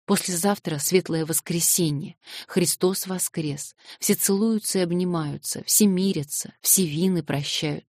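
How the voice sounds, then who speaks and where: A woman's voice: lowish voice, measured pace, few pauses, no room sound, studio quality. A woman reading an audiobook voices a distraught young orphan girl who cries and refuses insistently. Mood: sobbing defiance. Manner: crying, shouting, insistent refusals.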